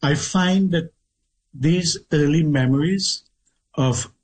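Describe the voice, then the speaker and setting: A middle-aged Trinidadian man reminisces in an interview, his voice husky and a little breathy. He speaks at a measured pace and pauses often to pick his words. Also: a little high, low-quality recording. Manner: measured, thoughtful, with pauses and restarts. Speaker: guest author. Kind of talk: reflective interview storytelling.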